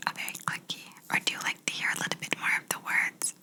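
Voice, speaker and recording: A woman whispering slowly in an ASMR video, guiding the listener through gentle imagination questions. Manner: slow soft whisper, asking gentle questions. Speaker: ASMR creator.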